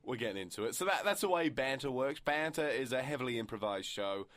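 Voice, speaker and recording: A man's voice: mid-range voice, expressive, fast, fairly bright tone, no room sound. A man co-hosting an improvised comedy radio show, joking and laughing as he riffs. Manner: jokey, laughing, acts out silly voices. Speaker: radio co-host. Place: radio studio.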